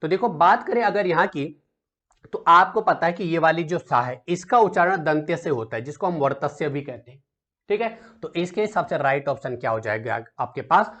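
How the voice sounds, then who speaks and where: A man's voice: on the high side, animated, normal speed, fairly bright tone. A man teaching an exam solution lesson, asking questions and answering them himself, often checking in with the class and calling students "beta". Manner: keeps checking in with "theek hai" and calls students "beta".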